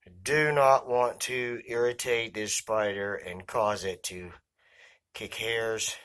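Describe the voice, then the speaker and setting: A man's voice: fairly low pitch, steady tone, takes it slowly, fairly bright tone, smooth. A man with his mouth and nose covered, sounding muffled as he gives casual, careful unboxing commentary, thinking aloud. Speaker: tarantula keeper presenting an unboxing.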